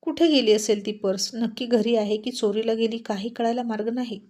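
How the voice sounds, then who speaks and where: A woman's voice: fairly high pitch, steady tone, a little fast, a little mellow, lightly acted. A woman voicing a timid young woman who pleads anxiously in a storybook tale. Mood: pleading. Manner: pleading, fearful.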